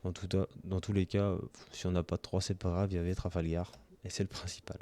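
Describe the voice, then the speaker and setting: A man's voice: deep voice, flat delivery, fast talker, warm tone. A man hosting his own channel, opening trading card packs in casual commentary, reading off card names and gushing with delight over his pulls.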